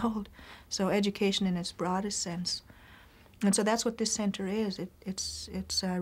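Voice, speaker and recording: A middle-aged woman giving reflective interview answers, speaking thoughtfully with pauses and restarts, recorded in a library room. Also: mid-range voice, a little mellow. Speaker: writer and teacher interviewed.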